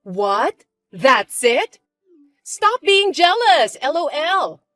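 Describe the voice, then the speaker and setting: A woman voicing a spiteful, bossy young stepsister who talks in a shrill, mocking, shouty way. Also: big pitch swings, measured pace, no room sound, soft background music, exaggerated voice. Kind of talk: chat-story voice acting.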